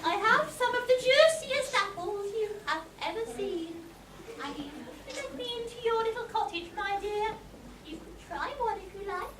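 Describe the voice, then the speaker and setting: A woman playing a scheming wicked queen disguised as a feeble old granny, in shrill, camp, hammy pantomime style. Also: expressive, normal speed. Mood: wheedling. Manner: wheedling, theatrical, hammy. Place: small stage in hall, far camera. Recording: echoey, noisy school hall from far off.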